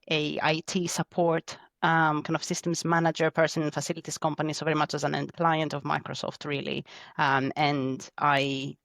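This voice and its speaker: Her low-pitched voice carries vocal fry and a fairly bright tone, captured in a clean studio recording with no room sound. She's a Greek-accented woman from Greece in her thirties, a tech delivery lead chatting on a podcast, answering interview questions conversationally with many fillers and restarts.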